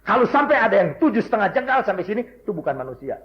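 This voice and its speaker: A man preaching a lively sermon full of humorous stories, jumping from loud shouts to hushed asides and acting out the people he quotes. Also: sits high, very fast. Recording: dull lo-fi recording.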